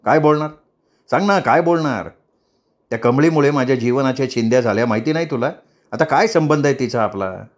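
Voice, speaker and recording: A man's voice: mid-range voice, fairly quick, lightly acted. A man voicing a bitter, angry newspaper editor. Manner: sharp and bitter. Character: agitated middle-aged male newspaper editor.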